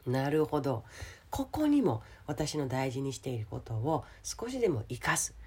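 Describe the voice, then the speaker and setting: A woman with a hoarse, gravelly voice gives a casual motivational solo talk as a radio host, speaking directly to the listener. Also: very deep voice, big pitch swings, normal speed. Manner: addresses the listener directly with questions and soft sentence-ending particles. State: hoarse today.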